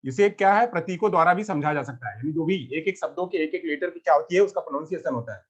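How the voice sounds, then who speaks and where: This classroom lecture comes from a male teacher with a slightly high voice who talks at a quick pace. He repeats himself often and asks questions only to answer them on his own, all heard through muffled, lo-fi audio.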